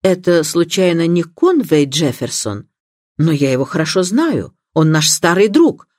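A woman reading the part of a fussy, excitable middle-aged hostess, chatty and emphatic, with a lively voice. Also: lowish voice, a little slow, no room sound, clean studio sound. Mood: excited.

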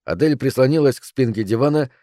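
A man narrates a novel aloud in a calm, measured way, his tone mellow and unforced. The sound is close and dry. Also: mid-range voice, dry recording. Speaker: audiobook narrator.

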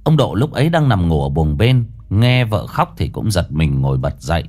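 Lively low-voiced male storyteller. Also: moderate pace. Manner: grave, dramatic storytelling. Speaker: horror story narrator. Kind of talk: scripted horror narration. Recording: faint music behind.

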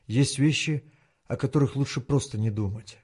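A man reading a tense novel aloud as an audiobook narrator, with steady, dramatic storytelling. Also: mid-range voice, moderate pace, slightly rough. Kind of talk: scripted narration.

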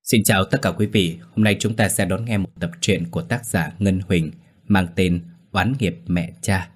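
Một người đàn ông giọng miền Nam, giọng khàn, kể chuyện audio theo kịch bản với nhịp đều đặn. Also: male voice, low-pitched, husky. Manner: steady, measured storytelling. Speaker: storyteller. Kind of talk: scripted audio story narration.

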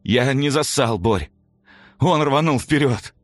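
A man voicing a wounded male soldier commander with a creaky, grating voice, pleading and defensive. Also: mid-range voice, slow, dry recording, clean studio sound, pitched above the performer's own voice, close to an everyday voice. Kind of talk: audiobook dialogue.

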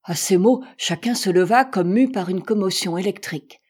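A woman narrating a classic adventure novel as an audiobook, measured and expressive, with dramatic rises in her voice. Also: mid-range voice, husky. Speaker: audiobook reader.

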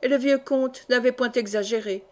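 A woman's voice: a little high, fairly even intonation, moderate pace, darkish tone. Woman reading a historical novel aloud. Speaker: audiobook reader. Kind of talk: audiobook narration of a historical novel.

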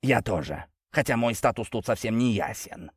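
A man voicing a large male serpent creature who speaks in a measured, polite, matter-of-fact way. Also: on the low side, expressive, slightly rough, no echo, studio quality. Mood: calm.

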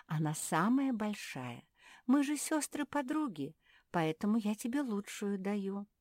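A woman voicing a caring, bustling girl pug who talks in a brisk and bossy way. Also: mid-range voice, very animated, darkish tone, dry recording, clean studio sound, voice pushed up. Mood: hushed bossy.

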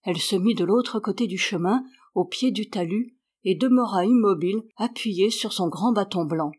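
A woman narrating a classic novel as an audiobook reader, lifting her voice higher and louder for the characters' lines. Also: normal speed, husky. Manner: voices characters by rising in pitch and volume.

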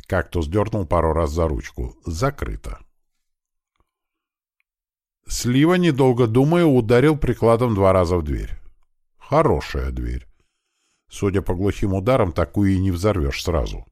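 A man's voice: low voice, sing-song, unhurried, long pauses, a little mellow, no echo. A man narrating a first-person audiobook with a tense, vivid storytelling manner on a close studio mic.

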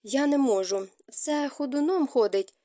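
A woman's voice: sits high, unhurried, mellow, voice pushed up. A woman voicing a fragile young noblewoman wife in an audiobook, speaking weakly and tearfully. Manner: weak, pleading, tearful.

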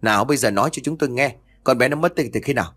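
Impatient village chief, quick clipped scolding delivery, voiced by the male narrator. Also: medium pitch, a bit bright, lightly acted. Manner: snapping, rushed, scolding. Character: impatient gruff village chief, middle-aged man.

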